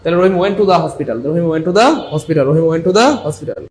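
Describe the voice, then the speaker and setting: A man's voice: on the high side, normal speed, a little mellow. A man with a Bangladeshi accent teaching an exam-prep grammar lesson, repeating points and quizzing his listeners as he goes. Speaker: English teacher.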